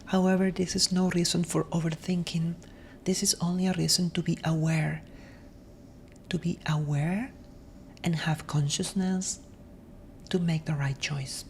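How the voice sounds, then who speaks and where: A woman speaking in a soft, breathy ASMR voice that often drops into a whisper, gentle and reflective, as if helping someone sleep. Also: deep voice, slight background noise. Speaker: ASMR host.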